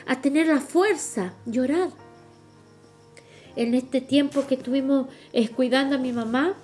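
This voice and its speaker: A woman's voice: high voice, darkish tone. A middle-aged woman, preaching at a women's retreat and calling her listeners sisters. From Chile. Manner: fervent, addresses listeners as sisters. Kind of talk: sermon.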